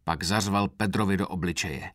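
A man calmly narrating a novel in the first person with a wry tone. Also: deep voice, no room sound, studio quality. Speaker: audiobook narrator.

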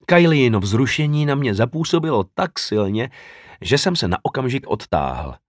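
A man reads a novel aloud in the first person, intimate and measured, with slow dramatic pauses. His mid-pitched voice rises and falls with great life. The recording is close and completely dry. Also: sing-song, no room sound. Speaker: audiobook narrator. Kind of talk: first-person scripted narration.

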